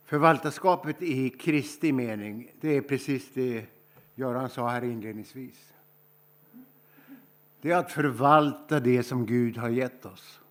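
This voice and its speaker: Swedish male preacher, mid-range voice, unhurried and thoughtful with weighty pauses. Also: mid-range voice, a bit bright. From Sweden. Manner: slow, reflective storytelling with emphatic pauses. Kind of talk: sermon.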